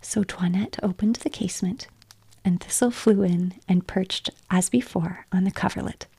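A woman reads a storybook in a soft, whispered storytelling ASMR style. Her voice is almost all breath, with a gravelly rasp underneath. She keeps a slow, hushed delivery. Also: medium pitch.

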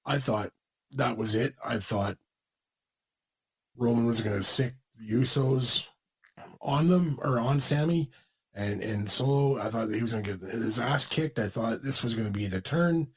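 A husky-voiced man co-hosting a podcast. He chats casually, rambling and restarting his sentences as he goes. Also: mid-range voice, a little slow, poor audio. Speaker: podcast co-host. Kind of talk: casual wrestling chat.

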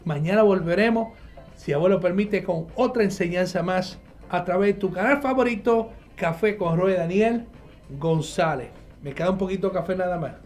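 A man preaching a nightly online Bible teaching, emphatic, asking questions and answering them himself. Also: sits high. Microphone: live stream with viewers connected.

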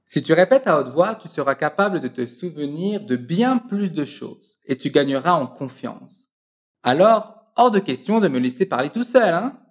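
A woman teaching a French lesson, encouraging the listener and drilling phrases slowly and precisely for them to repeat. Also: low-pitched.

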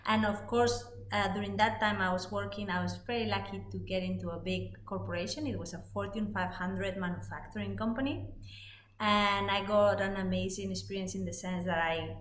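A woman in her forties with a Spanish accent, talking through her career in a measured, thoughtful way. She was raised speaking Spanish. The room sounds roomy and a bit echoey, and there is a faint hiss of noise underneath. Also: mid-range voice, a bit bright. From Spain. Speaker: guest, executive coach. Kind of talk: conversational interview.

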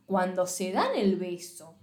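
A woman's voice: lowish voice, sing-song, takes it slowly, darkish tone. A woman with a Rioplatense Spanish accent co-hosting a podcast, ranting bluntly and swearing freely in casual chat. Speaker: podcast co-host.

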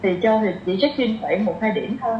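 Lively intonation and a fast delivery mark this mid-range voice of a woman in her twenties with a southern Vietnamese accent. She's chatting casually as a podcast guest, throwing in English slang, and the recording is roomy and dull with faint noise.

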